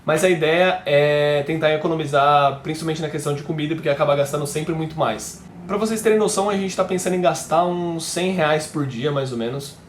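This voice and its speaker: A man's voice: fairly high pitch, fairly quick. A young Brazilian man, talking casually to his viewers as a travel vlogger, rambling and often checking in with them. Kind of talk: casual vlog talk to camera. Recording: echoey room with faint background hum.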